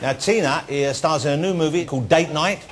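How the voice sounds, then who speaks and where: A man hosting a chat show, cracking quick jokes. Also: a little high, noisy background. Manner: jokey, lively, quick quips. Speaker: talk show host. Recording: studio with loud audience. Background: audience laughter and applause.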